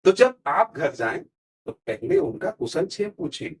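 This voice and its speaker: Animated man giving punchy motivational advice. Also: high voice, a little slow, vocal fry, slight background noise. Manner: emphatic, animated, uses punchy examples. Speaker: motivational speaker, guest. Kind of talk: podcast interview, motivational talk.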